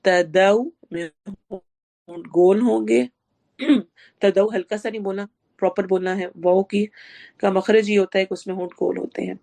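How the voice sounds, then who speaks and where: A woman with a slightly sore, hoarse throat teaching Quran recitation rules in an online class, explaining sounds step by step, asking her students questions and dropping English words into her speech. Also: mid-range voice, steady tone, warm tone.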